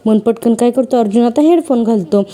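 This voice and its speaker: A woman's voice: a little high, quick pace, mellow. A woman chattily retelling a television serial episode, talking straight to her viewers and leaning on fillers. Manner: chatty, leans on fillers, addresses viewers directly. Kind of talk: conversational episode recap narration.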